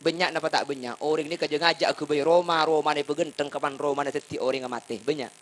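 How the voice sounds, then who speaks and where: Male preacher, fairly high voice, jokey sermon with loud fiery peaks. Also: steady tone, fast, a little hiss or hum. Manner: swings from soft asides to loud impassioned bursts; chants salawat and sings lines. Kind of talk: humorous sermon.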